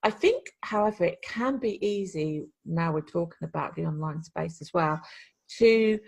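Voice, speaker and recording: Husky-voiced woman, rambling chat. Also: fairly low pitch, expressive, moderate pace. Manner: rambling, restarts often. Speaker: podcast co-host, copywriter. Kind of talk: casual chat.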